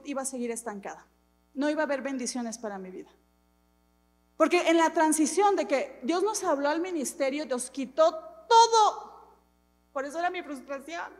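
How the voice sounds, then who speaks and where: A middle-aged woman preaching a sermon in a high, bright voice, dramatic and animated, poking fun at herself. Her words ring out with a long reverb from a church hall. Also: moderate pace. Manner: animated, dramatic preaching with self-mocking humor. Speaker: pastor.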